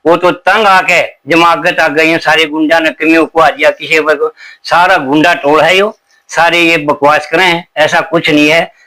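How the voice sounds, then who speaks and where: Holy man as interview guest, high-pitched, rambling and emphatic. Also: fairly even intonation, normal speed, bright, forceful tone, low-quality recording. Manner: emphatic, rambling, heated defence. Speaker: sadhu guest defending his guru. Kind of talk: interview answers.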